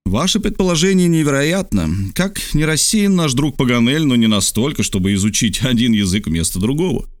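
A man's voice: medium pitch, animated, brisk, hardly any pauses, no room sound, clean studio sound, voice pushed up, natural voice. A man voicing an earnest nobleman who speaks firmly and reasonably. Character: earnest Scottish lord, man. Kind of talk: audiobook character voice.

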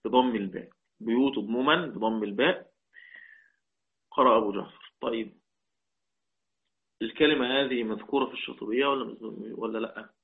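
A man with an Egyptian accent teaching the Quranic readings, drawing out quoted verses slowly and checking in with his listeners. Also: mid-range voice, gravelly. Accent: Egyptian Arabic. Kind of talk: religious lesson explaining a poem on the readings. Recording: tinny phone-like audio.

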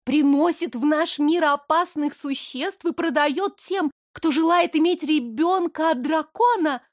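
A woman voicing a spiteful young blonde court lady who makes shrill, indignant accusations in an audiobook. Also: unhurried, no room sound, clean studio sound. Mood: spiteful accusing.

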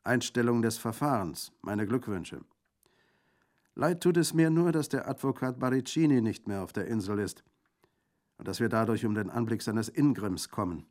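A man's voice: mid-range voice, lively intonation, moderate pace, a little mellow, pitched above the performer's own voice, natural voice. A man voicing a hot-tempered older male Corsican bandit in a radio reading, blunt and emphatic. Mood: gruff.

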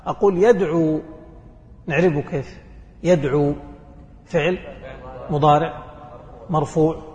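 A man teaches grammar in a class, his voice sitting a touch high. He keeps asking questions and answering them himself, checking that everyone follows. His voice trails off into the long reverb of a hall. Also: slight background noise. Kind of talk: classroom lesson.

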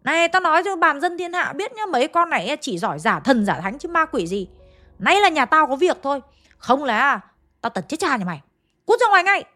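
A woman's voice: high voice, sing-song, fairly quick, faint music behind, voice pushed up, full character voice. A woman voicing a hot-tempered middle-aged man, the family's eldest son, in a ghost story. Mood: enraged. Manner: shouting, threatening.

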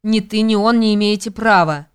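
A woman voicing an excitable, anxious young friend, exclaiming her lines in an audiobook. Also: mid-range voice, moderate pace, clean tone, natural voice. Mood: excited. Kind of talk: audiobook character reading.

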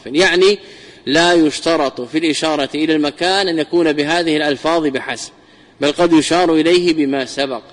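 A man's voice: a little high, fairly bright tone, big-room sound. A man giving a classical grammar lesson, repeating key words and drawing them out for emphasis. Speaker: teacher of Arabic grammar.

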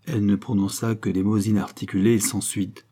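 A man narrating a novel as an audiobook in a measured, dramatic reading. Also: lowish voice, little pitch movement, warm tone.

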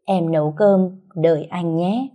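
A woman voicing a gentle young woman who speaks softly and coaxingly. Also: fairly low pitch, a little slow, highs cut off. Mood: tender. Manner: soft, coaxing.

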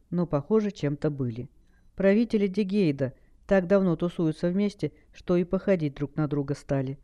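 Mellow male audiobook narrator. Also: fairly high pitch. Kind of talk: scripted narration. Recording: dull lo-fi recording.

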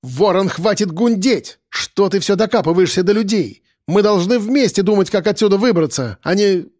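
A man's voice: fairly high pitch, sing-song, slow pace, slightly rough, no echo, clean studio sound, heavily acted. A man voicing a feisty young woman. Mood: scolding. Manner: loud, scolding.

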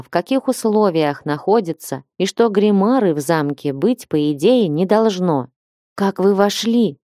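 Low, mellow woman narrating an audiobook. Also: no echo, clean studio sound. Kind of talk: scripted narration.

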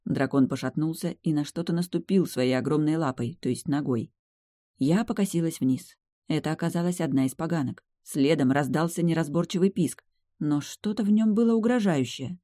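Woman, audiobook narrator, expressive, lively, dry close recording. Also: sits low, normal speed, dry recording. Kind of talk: first-person fantasy narration.

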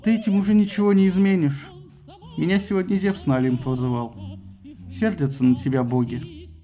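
A tearful goddess mother in a storybook myth, speaking softly and gently to her son, as a man puts her on. Her voice stays tender and pleading. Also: high voice, animated, brisk, muffled recording, soft background music, pitched above the performer's own voice.

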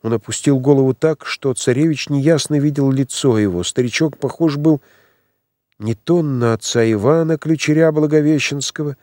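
A man narrating an audiobook in a measured, dramatic reading. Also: medium pitch, a little mellow, no room sound, clean studio sound.

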